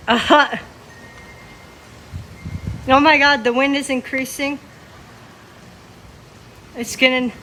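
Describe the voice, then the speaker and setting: A woman giving excited, exclamatory live storm commentary outdoors in strong desert wind, repeating short phrases in awe. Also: sits high, poor audio. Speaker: storm vlogger filming. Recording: loud wind noise buffeting the microphone.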